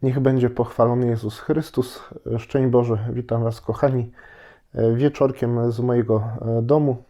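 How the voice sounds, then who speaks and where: A priest with a cold giving a short, unhurried Lenten meditation from his home, pausing often with hesitations. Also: mid-range voice, fairly even intonation, warm tone. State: has a cold. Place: at home, indoors.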